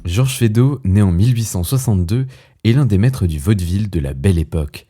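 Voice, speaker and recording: A man hosting a podcast, calmly presenting a scripted introduction. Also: lowish voice, a little fast, husky, soft background music. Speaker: podcast host.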